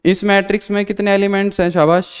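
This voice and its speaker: A man's voice: high-pitched, flat delivery, fast talker, smooth, long reverb tail. A male maths teacher giving a live online lesson, drilling students with repeated questions and answers. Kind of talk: live online class lecture.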